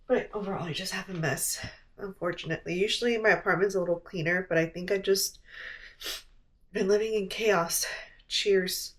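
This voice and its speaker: A young woman chatting to her camera in her apartment kitchen, her voice stuffy and congested from a blocked nose. She rambles in a loose, casual way with a mildly irritated edge, at a middle pitch. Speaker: vlogger.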